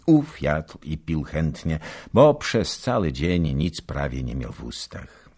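A man reads a historical novel aloud, slow and deep. His husky voice rises and falls widely, giving the story an expressive, unhurried pace. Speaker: audiobook narrator. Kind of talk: scripted literary narration.

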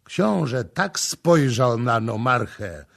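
A man's voice: mid-range voice, lively intonation, takes it slowly, creaky. A man reading a novel aloud as an audiobook narrator, with dramatic, shifting delivery. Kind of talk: scripted literary narration.

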